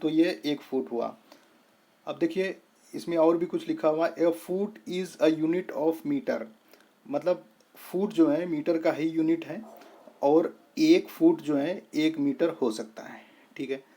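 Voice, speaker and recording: An English tutor teaches unhurriedly, his slightly high voice still sounding warm and dark, with fairly even intonation. He slowly splits words apart and spells them out, repeatedly saying "thik hai" and pausing to make sure his listeners are following.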